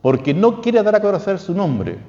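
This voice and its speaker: In a large hall, a priest with a Chilean accent delivers a spiritual lecture at a moderate pace, the recording muffled. He's lively and questioning, and when he quotes texts his pitch jumps for emphasis.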